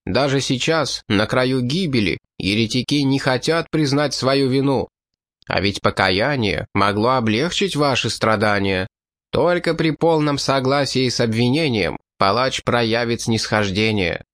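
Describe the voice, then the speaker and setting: A man reading an audiobook, voicing a hateful, zealous old priest who accuses and threatens in a shrill, hysterical way. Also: unhurried, fairly bright tone, dry recording, clean studio sound, lightly acted.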